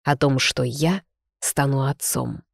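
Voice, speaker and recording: A proud young man, hoarse and tormented, bites out his words with bitter tension, as the reader plays him. His lines come short and strained. The recording is dry and close. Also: medium pitch, steady tone, slow pace, no room sound, full character voice.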